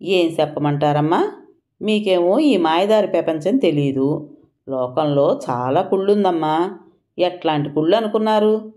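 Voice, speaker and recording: A man's voice: high voice, lively intonation, measured pace, mellow. A woman voicing a tearful male servant who talks in rustic village speech. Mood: upset.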